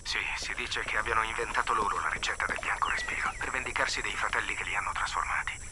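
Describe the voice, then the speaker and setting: A man's voice: lowish voice, fast talker, lightly acted. An actor playing a solemn man who guides a heroine on her quest in a video game. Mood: solemn, approving. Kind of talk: dramatic video game acting. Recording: clearly noisy, distant sound.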